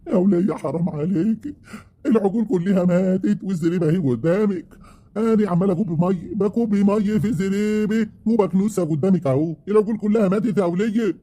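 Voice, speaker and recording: A man's voice: fairly high pitch, quick pace, mellow, slightly rough. A man with an Egyptian accent voicing a scheming middle-aged husband who defends himself and trades insults with his wife. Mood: defensive. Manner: defensive, wheedling.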